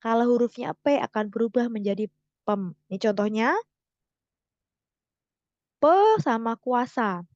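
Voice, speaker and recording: A young woman tutoring online in a casual way, correcting herself and slowly stressing example words. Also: fairly high pitch, expressive, a little mellow, dry recording, lo-fi sound. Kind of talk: explaining grammar lesson.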